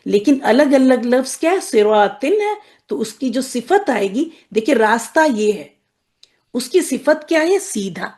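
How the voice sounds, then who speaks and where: A woman with a slightly raised voice teaches a class of women. She explains each term plainly and drills words at a slow, careful pace. She often pauses to ask if everyone is following. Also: fairly high pitch, animated, a little mellow. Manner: checks in often with "okay?", drills words slowly. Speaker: Quranic Arabic teacher. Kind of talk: explanatory lesson to women students.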